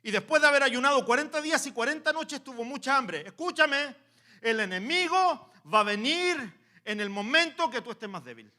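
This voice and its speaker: A pastor with a very high-pitched, animated voice preaches a sermon in church at a moderate pace. He shifts between quiet asides and loud exhortation, calling on the congregation to repeat after him.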